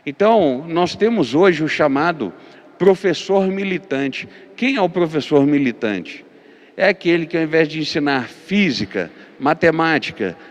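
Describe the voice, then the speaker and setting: A pastor from Minas Gerais, Brazil, delivers a teaching like a lecture in a large hall, his voice a little high. Fillers and repeated words mark his hesitations, and he then presses his points with emphatic lists, all in a Minas Gerais Brazilian Portuguese accent.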